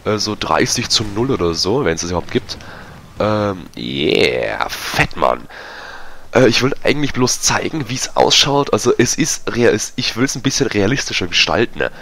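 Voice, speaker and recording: A man giving casual, self-mocking commentary over a multiplayer match, his voice going hoarse. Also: lowish voice, sing-song, moderate pace, fairly bright tone. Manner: chatty, self-mocking, many fillers. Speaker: gaming YouTuber. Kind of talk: casual let's-play commentary.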